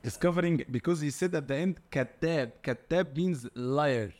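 Higher-pitched Egyptian man teaching conversationally. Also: brisk. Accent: Egyptian Arabic. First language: Arabic. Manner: didactic, repeating key words and translating them. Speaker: Arabic dialect teacher. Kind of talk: conversational language lesson, explaining words with examples.

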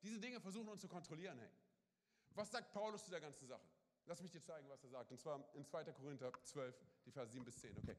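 A man preaching with a slightly high voice, full of energy and quick asides to the congregation. His voice rings out through a church hall with a long reverb trailing off every phrase. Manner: lively, punctuates with "hey", "come on" and "oder?"; acts out little quoted scenes. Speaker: pastor. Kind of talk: sermon. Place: church service.

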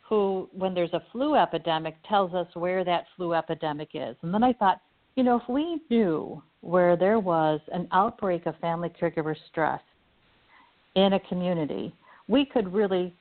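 Midwestern woman host, low-ish voice, earnest storyteller, phone-quality audio. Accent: Midwestern American. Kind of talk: conversational interview. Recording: phone-like lo-fi line.

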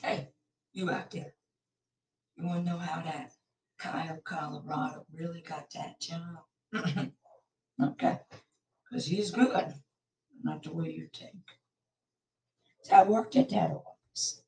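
This is a sleazy, conniving office gossip as a woman puts her on in a comedy sketch. Her voice is hoarse and kept low and conspiratorial, as if sharing something shameful. She sounds unbothered by her own scheming. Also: steady tone, slow, pauses often, darkish tone, slight background noise, rough recording. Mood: sleazy, confiding. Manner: conspiratorial, confiding to listeners in a lowered voice.

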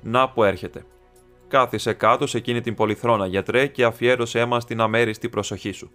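A man voicing a sharp male detective who speaks briskly and dryly. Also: medium pitch, steady tone, soft background music, lightly acted. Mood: dry, assured. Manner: brisk, dry, confident. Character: sharp, dry male detective, self-assured.

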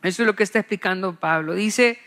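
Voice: medium pitch, fast, fairly bright tone. A preacher giving an expository Bible sermon, emphatic, repeating key phrases and asking rhetorical questions.

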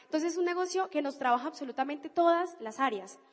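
Brisk and lively in her intonation, a Colombian woman from Cali delivers a motivational business talk with enthusiasm and emphasis, her high, bright voice ringing with long reverb as though in a big convention hall.

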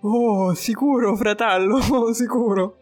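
A narrator voicing a carefree young man working as a costumed knight, with slangy, stumbling, drawn-out speech over faint music. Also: mid-range voice, steady tone, darkish tone. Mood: amused.

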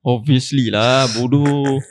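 A man's voice: medium pitch, steady tone, takes it slowly, no echo. A young man with a Singaporean accent in casual chat with friends, using blunt, repetitive Singlish sprinkled with Malay slang.

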